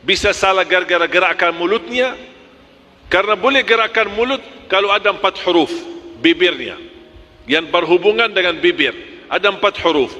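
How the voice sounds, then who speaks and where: A man's voice: high voice, lively intonation, moderate pace, pushed and bright, long reverb tail. A man teaching Quran recitation, drilling letters one by one and chanting examples, correcting sharply.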